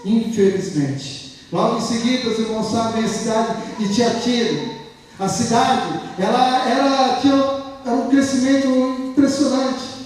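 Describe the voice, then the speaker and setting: A man with a Brazilian Portuguese accent preaches a fervent sermon, hammering his points through repetition. His voice sits very high for a man. It's picked up from a distance in a long, echoey church hall. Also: a little slow, a little mellow. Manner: fervent, repeats phrases for emphasis.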